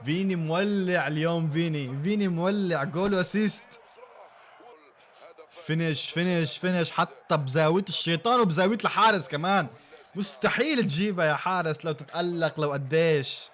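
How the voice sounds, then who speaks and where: A young man giving a live reaction to a football match, excitable and bursting into shouts and laughter at big plays. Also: fairly high pitch, a little fast.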